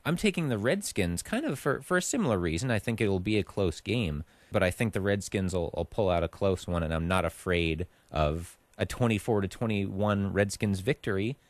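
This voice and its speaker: A man with a low, steady voice co-hosts a casual sports podcast. He talks through his picks with plain confidence. The recording is dry and close. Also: moderate pace, few pauses, dry recording. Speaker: podcast co-host.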